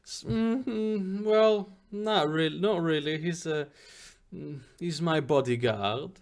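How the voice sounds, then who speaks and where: A man voicing an evasive, modest young woman in a tabletop game, speaking in a halting way. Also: a little high, pitched above the performer's own voice. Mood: hesitant, evasive.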